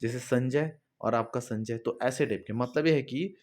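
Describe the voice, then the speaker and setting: A man's voice: mid-range voice, normal speed, darkish tone. A man teaching an exam-prep grammar lesson, asking questions and answering them himself, checking in often with his students. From Chhattisgarh. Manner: explanatory, repetitive, asks and answers own questions; addresses students directly with fillers like "है ना".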